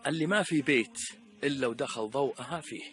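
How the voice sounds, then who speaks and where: A man with a Saudi Gulf Arabic accent giving a religious reflection talk, emphatic, with loud exclamations and hushed asides. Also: medium pitch, quick pace. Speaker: preacher.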